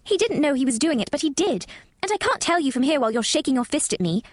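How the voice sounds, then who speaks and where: A spirited young girl from a storybook, acted by a woman, stubborn and breathless. Her pitch is high and lively, and the words come out fast and insistent. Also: no echo, clean studio sound. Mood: obstinate.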